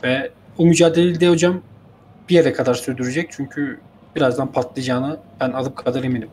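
A man's voice: mid-range voice, fairly even intonation, darkish tone, a little hiss or hum. A man co-commentating a match, talking hesitantly with fillers and polite address to his partner. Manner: hesitant, fills pauses, polite to co-host. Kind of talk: casual commentary chat.

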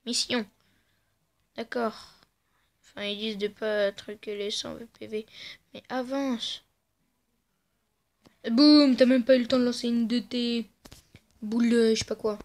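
A woman talks her way through a video game at an unhurried pace. Her voice sits a little high. She teases the enemies with playful trash talk and often drops into soft mutters. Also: steady tone. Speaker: gamer. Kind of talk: casual let's-play commentary.

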